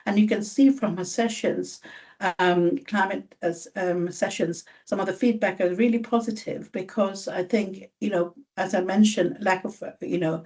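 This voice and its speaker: A woman's voice: mid-range voice, steady tone, moderate pace, a little mellow. A woman from Bangladesh presenting her organisation's work at a meeting over a video call. She speaks with many fillers and restarts. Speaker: charity staff presenter.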